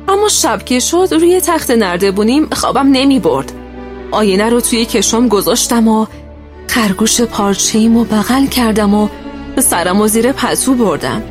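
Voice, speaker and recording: Lady reading a kids story, soft and steady, slightly high voice. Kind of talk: first-person children's story narration.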